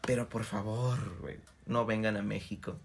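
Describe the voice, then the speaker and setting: Gravelly Mexican man ranting. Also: on the low side, steady tone, normal speed. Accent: Mexican Spanish. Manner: profane, rants with constant slang fillers. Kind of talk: casual comedic storytelling.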